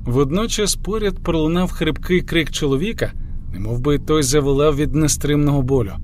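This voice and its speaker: A man narrating a sea story in the first person with an even, measured reading. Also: a little high, soft background music. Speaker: audiobook narrator.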